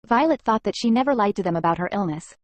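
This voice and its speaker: A woman narrating a comic story recap in an even, plain reading manner. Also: medium pitch, fast talker, dry recording.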